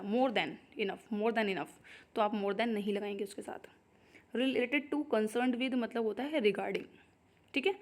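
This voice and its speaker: A young Indian woman teaching an exam-prep grammar lesson, explaining step by step and often checking in with "okay". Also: a little high. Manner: explanatory, repeats "ठीक है" to check understanding. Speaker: English teacher.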